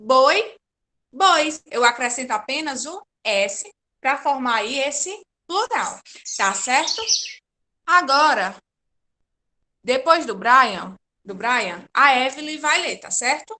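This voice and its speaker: Woman teacher, high bright voice, patient and methodical in an online class. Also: animated, slow pace, long pauses. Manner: patient, explains step by step with frequent checks.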